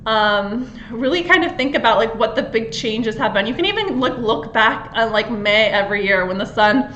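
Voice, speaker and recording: A woman's voice: fairly high pitch, expressive, normal speed, fairly bright tone, reverberant, highs cut off, slight background noise. A woman spiritual coach giving a casual astrology talk, chatty and full of fillers, with the odd giggle.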